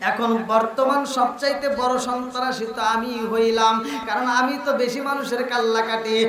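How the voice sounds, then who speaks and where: A man voicing a feared young killer who cries out in anguish to his mother, sung and shouted. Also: very high-pitched, steady tone, normal speed, a crowd in the background. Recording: echoey loudspeaker with music behind.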